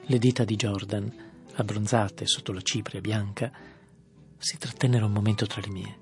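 Low-voiced man narrating an audiobook. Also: fairly even intonation, moderate pace, soft background music.

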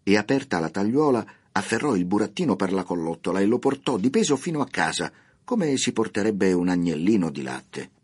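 Deep-voiced man narrating a radio tale. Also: husky. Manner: measured, expressive reading. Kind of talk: scripted radio story narration.

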